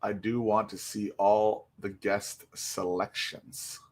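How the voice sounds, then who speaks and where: A man's voice: lowish voice, little pitch movement, slow, a little mellow. A young man hosting a casual hockey livestream, chatty and rambling with lots of fillers, tired and yawning from little sleep. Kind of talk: casual live stream chat.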